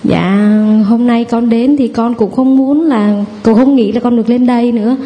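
Woman in her thirties, mother, testimony, high voice, chatty storytelling. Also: normal speed, warm tone. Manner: chatty storytelling, acts out family quotes. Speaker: audience member giving testimony. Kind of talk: nervous personal testimony.

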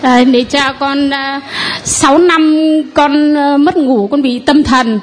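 A woman's voice: high voice, steady tone, slow. A woman in the congregation giving a spoken testimony of healing to the priest, earnest and sometimes laughing.

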